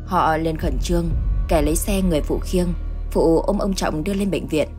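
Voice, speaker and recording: Woman, ghost story narrator, low voice, steady dramatic reading, soft music behind. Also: moderate pace. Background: faint background music.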